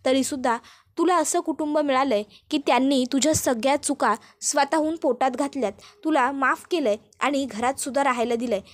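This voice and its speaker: A woman's voice: high voice, natural voice. A woman voicing a firm, reasoning young woman in a retold family serial.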